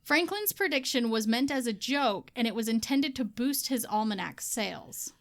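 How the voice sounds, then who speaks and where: A woman with a high-pitched voice co-hosts a casual chat podcast. She reads from her research notes in a relaxed, joking way, breaking into laughter and casual swearing. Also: moderate pace. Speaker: podcast co-host.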